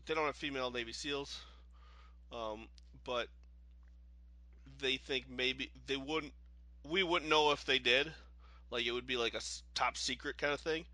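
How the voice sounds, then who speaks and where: A man's voice: mid-range voice, sharp tone, dry recording. A man co-hosting a casual podcast, talking loosely with lots of likes and the odd swear word. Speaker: podcast co-host. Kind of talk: casual chat.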